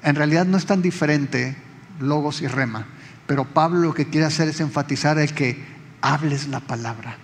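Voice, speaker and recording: High-voiced man preaching. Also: normal speed, long reverb tail. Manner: conversational, explaining and addressing the congregation. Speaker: pastor. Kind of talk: sermon.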